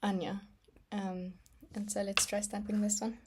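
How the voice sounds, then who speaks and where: A young adult woman, an artist vlogger whose first language is Afrikaans, rambles casually about her art while stamping and sketching at her desk, with lots of ums and small laughs. Her medium-pitched voice is flat and unhurried, against a noisy background.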